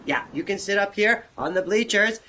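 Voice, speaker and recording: A man's voice: high voice, lively intonation, moderate pace. A man hosting a children's music lesson, playful and talking straight to the kids. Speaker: children's show host. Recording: noisy recording.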